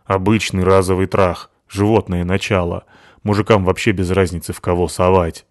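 A man reading an audiobook voices a big, foul-mouthed woman who talks crudely and loudly. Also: low-pitched, flat delivery, normal speed, dry recording, clean studio sound, natural voice. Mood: angry. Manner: crude, growling. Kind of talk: audiobook character voicing.

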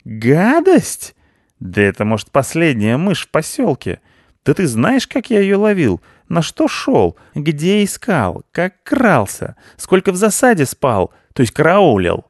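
A man voicing a boastful, scrappy red village tomcat who talks in a rough, folksy way. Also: fairly low pitch, moderate pace, no room sound, clean studio sound, close to an everyday voice.

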